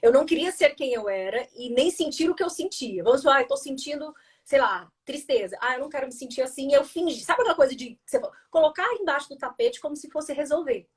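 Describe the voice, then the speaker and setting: A woman's voice: sits high, expressive, quick pace, few pauses. A Brazilian woman hosting a live stream, explaining ideas about feelings and reading out viewer comments in an encouraging teaching tone. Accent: Brazilian Portuguese. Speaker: host, journalist and communication coach.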